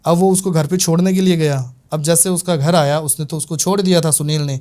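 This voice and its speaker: Rambling man telling a case, slightly high voice. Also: fairly even intonation, a little fast, a little mellow. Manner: rambling, repetitive retelling with many fillers. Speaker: tantrik guest telling a case. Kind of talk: casual spoken storytelling.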